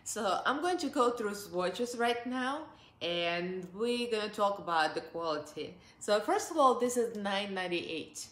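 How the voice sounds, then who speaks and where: Seated on her living room sofa, this beauty vlogger, a woman in her forties from Russia, chats cheerfully through a makeup review with a Russian accent and frequent laughter. She speaks at a medium pitch, a little slowly, with an expressive, slightly bright voice in an echoey space.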